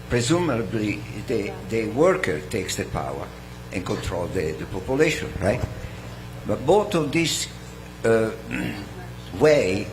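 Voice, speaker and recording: A man from Italy with an Italian accent, speaking from the floor at a seminar in a slow, halting way and clearing his throat often. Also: medium pitch, noisy background. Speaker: audience member.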